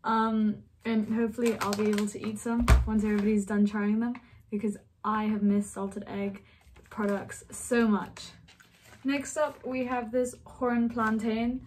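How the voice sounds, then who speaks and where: A woman's voice: on the high side, level tone, unhurried, darkish tone, a little hiss or hum. A young woman from Malaysia presenting a food video, upbeat and eager, with frequent fillers. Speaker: host. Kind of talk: enthusiastic presenting to camera.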